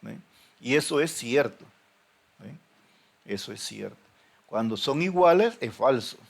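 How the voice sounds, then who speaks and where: Male instructor, gravelly, halting lecture delivery with constant check-ins. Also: mid-range voice, lively intonation. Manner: hesitant, many fillers and restarts, checks in with "¿ven?". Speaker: programming teacher. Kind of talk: recorded classroom lecture.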